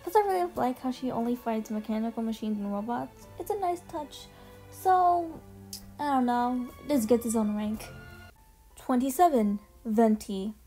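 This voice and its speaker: Over background music, a young woman who makes videos ranking game trailers delivers casual, slangy, emphatic opinions as a voice-over. Her voice is fairly high and mellow, and her pace is measured.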